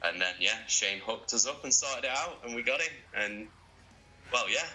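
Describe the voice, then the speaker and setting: A man in a band being interviewed, talking casually, excitable and sweary, laughing often. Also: mid-range voice, moderate pace, a little hiss or hum, poor audio.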